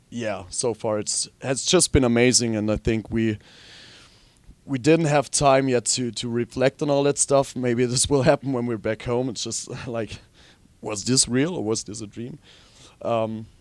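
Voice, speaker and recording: Young Austrian-born musician, chatty and dry. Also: male voice, medium pitch, no echo. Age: young adult. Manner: relaxed, rambling, frequent ums. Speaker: guitarist and singer. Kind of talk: casual interview.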